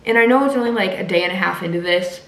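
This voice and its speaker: A woman's voice: mid-range voice, rapid-fire, gravelly, echoey room, rough recording. A woman recovering from wisdom teeth removal, chatting casually to camera as she narrates her meals in a food vlog. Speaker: food vlogger.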